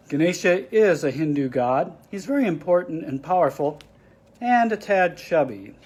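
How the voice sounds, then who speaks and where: A man's voice: on the high side, expressive, measured pace, long pauses, a little mellow, slightly rough. Friendly man reading a picture book. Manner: friendly, explains the pictures with asides. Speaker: storybook reader.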